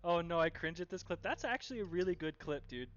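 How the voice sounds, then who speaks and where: A man's voice: fairly high pitch, lively intonation, quick pace, fairly bright tone, highs cut off, a little hiss or hum. A man running a live cooking stream, chatting and cheerfully thanking viewers as he cooks.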